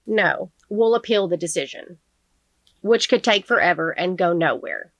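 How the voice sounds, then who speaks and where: A cocky young male defense attorney, smooth and reassuring, read aloud in a novel, as a woman reader voices him. The voice is close, dry and fairly low for a woman. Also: expressive, a little slow, fairly bright tone, no echo. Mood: confident.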